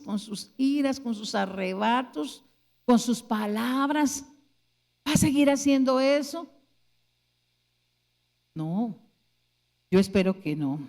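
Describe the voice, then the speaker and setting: A woman's voice: a little high, darkish tone. A woman pastor preaching a sermon, putting rhetorical question after question to her congregation. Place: church hall. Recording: long church hall reverb.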